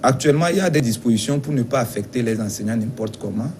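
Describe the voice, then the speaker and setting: A man from Togo representing a teachers' union, answering interview questions in a measured, insistent way with some hesitations. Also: medium pitch, lively intonation, darkish tone, a little hiss or hum.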